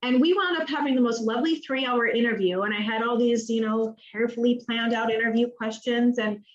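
An American woman, a swim instructor and guest, speaking in a heartfelt, expressive, earnest way. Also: a little high, brisk, reverberant, dull audio. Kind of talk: casual conversational interview.

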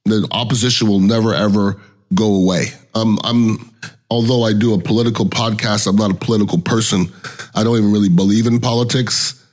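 A man's voice: on the low side, fairly even intonation, fairly quick, a little mellow. A middle-aged man hosting a casual solo podcast, talking in a blunt, slangy, colloquial way. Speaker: podcast host.

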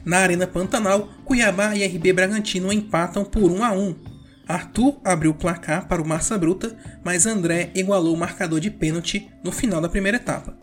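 A woman's voice: on the low side, steady tone, a little fast. A Brazilian woman hosting a football show, narrating a scripted round-up of results. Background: music bed.

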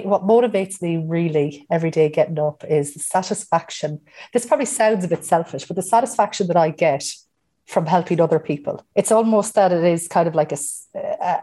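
A woman's voice: lowish voice, warm tone. A middle-aged woman with a west of Ireland Mayo accent, chatting informally and reflectively as a podcast interview guest. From County Mayo, west of Ireland. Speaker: interview guest, hospital emergency consultant.

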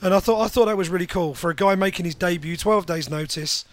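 A man's voice: sits high, fast talker. A man co-hosting a fight podcast, chatting with wry humor and stumbling over repeated words. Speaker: podcast co-host, MMA journalist. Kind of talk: casual post-fight recap chat.

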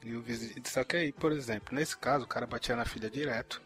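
A man's voice: mid-range voice, quick pace, over music. Slangy young man, rambling. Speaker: podcast co-host. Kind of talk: casual chat.

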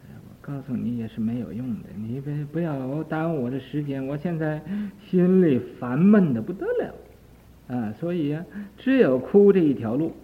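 A man's voice: on the high side, animated, normal speed. An older man voicing a grief-stricken man who is desperate to cure his sick mother, in an anguished, pleading voice. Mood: despairing. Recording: tinny lo-fi archive tape.

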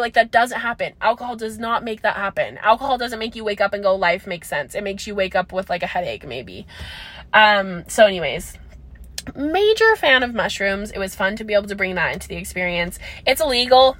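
A woman's voice: a little high, fairly bright tone, no echo. A woman hosting her own podcast as a business coach, talking in a rambling, casual way, full of "like" and "um", with frequent laughs. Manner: chatty, rambling, peppered with "like" and "um", laughs often. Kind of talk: casual solo podcast monologue.

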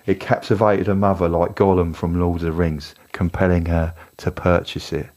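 A man's voice: low voice, little pitch movement, normal speed, darkish tone. A man co-hosting a casual comedy podcast, telling a story in a rambling, self-correcting way and laughing at his own jokes. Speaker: podcast co-host.

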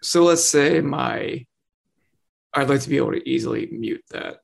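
A man's voice: mid-range voice, moderate pace, gravelly. A man co-hosting a podcast, chatting informally with dry humor. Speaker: podcast co-host, editor. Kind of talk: casual podcast chat.

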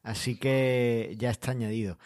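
Man, host, relaxed and chatty, dry close sound. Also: medium pitch, moderate pace, dry recording. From Spain. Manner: relaxed, chatty, many fillers. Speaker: podcast host. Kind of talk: casual podcast chat.

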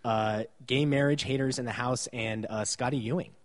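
A man's voice: mid-range voice, fairly even intonation, normal speed. A man hosting a casual local news podcast, wry and joking as he recaps the year's stories. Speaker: podcast host.

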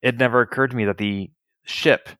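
A man's voice: medium pitch, fairly even intonation, fairly quick, a bit bright, clear, resonant tone, no echo, clean studio sound. A man co-hosting a podcast in casual chat, opinionated and analytical as he picks apart an episode. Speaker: podcast co-host.

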